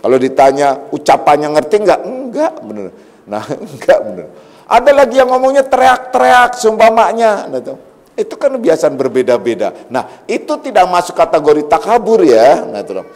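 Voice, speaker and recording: A middle-aged male spiritual teacher giving a casual, joking religious lecture with a fairly high voice. His words ring out with a long echo, as if he is speaking in a large hall. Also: a little fast. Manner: relaxed and joking, telling personal anecdotes.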